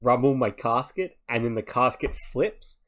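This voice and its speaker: A man's voice: mid-range voice, animated, a little slow, fairly bright tone. A tired young man co-hosting a podcast, rambling through stories in casual chat and laughing at his own jokes. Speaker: podcast co-host.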